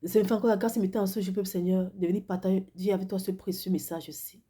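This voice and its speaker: A woman preacher who calls herself a prophetess delivers a devotional sermon and testimony while congested with a cold and flu. Her medium-pitched voice is mellow, husky and level, and she speaks fast, earnestly and repetitively, often restarting her phrases.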